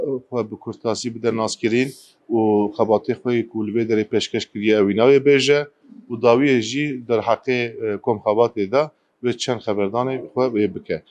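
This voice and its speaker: Halting male interviewer and interpreter, dry sound. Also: medium pitch, a little mellow, no echo, dull audio. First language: Kurdish. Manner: halting, hesitant, searching for words.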